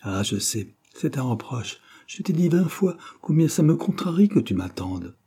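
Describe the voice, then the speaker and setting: A man's voice: medium pitch, very animated, normal speed, dark tone, breathy edge, voice pushed up. A man voicing an irritable male painter who snaps impatiently. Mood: irritated. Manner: snappish, impatient.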